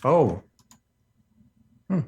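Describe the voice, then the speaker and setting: A man's voice: drawn-out words, slight background noise. A man chatting casually on a game stream, rambling and joking. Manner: rambling, jokey, laughs often.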